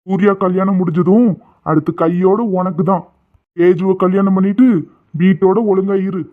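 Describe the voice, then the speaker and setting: A man's voice: high voice, level tone, normal speed, natural voice. A man voicing a proud, stubborn, wealthy middle-aged father who talks in a scornful, dismissive way. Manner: scornful, dismissive, turning to sharp alarm. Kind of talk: Tamil cartoon voice acting. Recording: tinny phone-like lo-fi audio.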